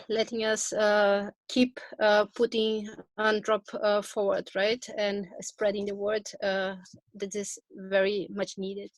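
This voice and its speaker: A woman from Brazil introducing herself on an online panel, halting and searching for words. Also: medium pitch, dry recording. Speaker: panelist, beekeeper. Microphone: video call.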